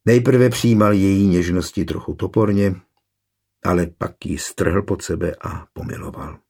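A man with a gravelly, husky voice reading a historical novel in measured, even narration. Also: low-pitched. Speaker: audiobook narrator. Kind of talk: scripted narration.

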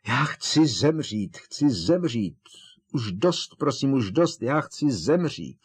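A man voicing an old male headmaster wizard who is in torment and begs in slow, drawn-out cries, with a husky voice. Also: mid-range voice, very animated, no room sound. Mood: anguished. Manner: pleading, drawn-out anguished cries.

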